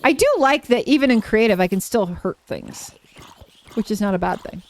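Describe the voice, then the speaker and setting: A female streamer delivers casual live gameplay commentary, gushing excitedly as she talks to herself and her chat. Her voice is mid-range and her pace moderate.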